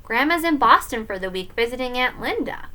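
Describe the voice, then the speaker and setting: A sensible, gentle mother, as a woman reads her, practical and soothing. The tone is bright and fairly high in a storybook reading. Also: animated, brisk.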